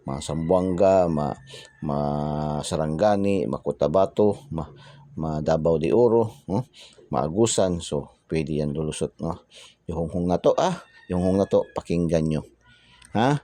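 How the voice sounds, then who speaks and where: A very low-pitched man with a dark, mellow voice, chatting casually as a channel host. He keeps adding "ha?" and "no?" after his lines, in a dry, close recording. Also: expressive, unhurried, dry recording. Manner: chatty, repeats tag phrases and "ha?" constantly; drops into whispers for secret numbers. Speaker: lottery tip channel host.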